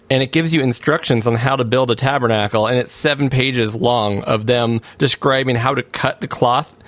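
A man's voice: medium pitch, no room sound. A man co-hosting a retro gaming podcast, chatting casually, joking and laughing often. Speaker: podcast co-host. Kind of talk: casual chat.

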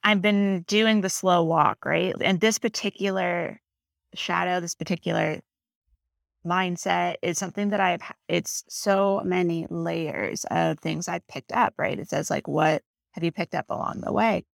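A woman talks through a tarot reading in a loose, rambling way, earnest and heartfelt, often checking in with "right?". Her voice sits low, with a gravelly fry at the ends of phrases. The sound is close and dry. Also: steady tone, a little slow, no echo. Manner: heartfelt, close to tears at times. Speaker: tarot reader. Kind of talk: reflective casual monologue.

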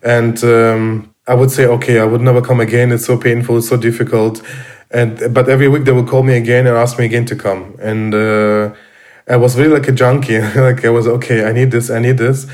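A man, a guest speaking casually in English, pausing often with fillers and restarts. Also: medium pitch, flat delivery, darkish tone. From Armenian, raised in Russia. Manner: halting, many fillers and restarts. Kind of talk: casual conversation.

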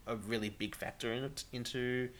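A man's voice: medium pitch, fairly even intonation, moderate pace, fairly bright tone. A man with an Australian accent hosting a casual podcast chat, rambling and filling his talk with "like". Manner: rambling, heavy use of "like". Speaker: podcast host.

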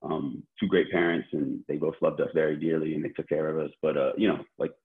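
A man's voice: a bass voice, fairly even intonation, fairly quick. A man born in Korea, speaking as an interview guest in a loose, rambling way with many fillers and restarts. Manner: rambling, heavy use of "like" and restarts. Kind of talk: casual conversational interview. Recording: tinny phone-like line.

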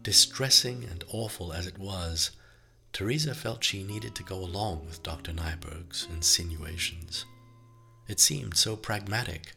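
A man reading an audiobook as its narrator, in an even, measured storytelling manner. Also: sits low, gravelly, faint music behind. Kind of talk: scripted narration.

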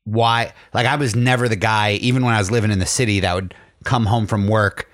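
A man co-hosting a podcast in a relaxed, wry chat. His voice sits low, and the sound is dry with no room echo. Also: a little fast. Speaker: podcast co-host. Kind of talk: casual chat.

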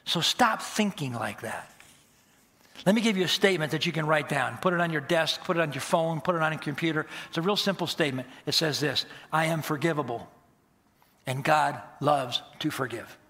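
Male pastor, bright ringing voice, emphatic sermon delivery, slightly high. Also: animated, a little fast. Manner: emphatic, swings between loud stresses and quiet asides.

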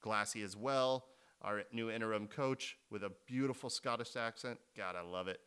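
A man's voice: lowish voice, moderate pace, sharp tone, clear, resonant tone. A man co-hosting a podcast, chatting casually and animatedly about sports, swearing freely and restarting sentences often. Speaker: podcast co-host.

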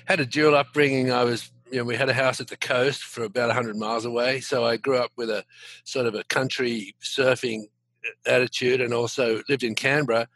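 A man's voice: mid-range voice, a bit bright, no echo. Older man, dry poor audio. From Australia. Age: 70s. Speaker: guest, company founder. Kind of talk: casual interview answers.

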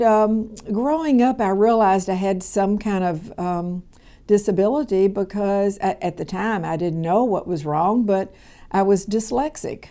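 A woman's voice: fairly low pitch, mellow. A woman, giving a conversational radio Bible teaching that rambles along with many fillers and restarts. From Kentucky, USA. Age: 70s.

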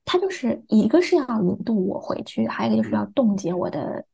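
A woman's voice: fairly high pitch, big pitch swings, fast, vocal fry, warm tone, slightly rough. A young woman from China, a podcast interview guest, hesitantly recounting a personal experience and acting out remembered dialogue.

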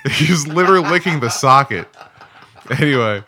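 A man's voice: on the high side, expressive, moderate pace, background noise. A man in his thirties co-hosting a podcast, talking candidly and rambling, swearing and laughing often. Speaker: podcast co-host. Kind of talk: casual chat.

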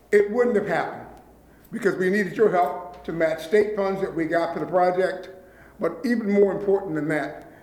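A man leading a nonprofit, speaking earnestly and gratefully at a public meeting, often checking in with his listeners. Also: a little high. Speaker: nonprofit leader addressing county officials. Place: meeting room. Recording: echoey meeting room.

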